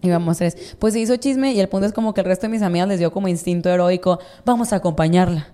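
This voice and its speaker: A young Mexican woman co-hosts a casual podcast, spinning an animated story in heavy slang. Her delivery is quick and tumbling. She keeps circling back on words, and her voice has a low, mellow tone. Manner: slangy, animated, lots of fillers and repetition. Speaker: podcast co-host.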